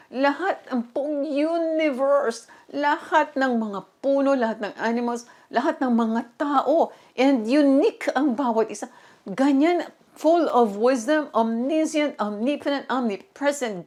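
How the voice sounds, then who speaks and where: A woman pastor giving a sermon with personal testimony, talking in an animated, conversational way with many fillers. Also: high voice.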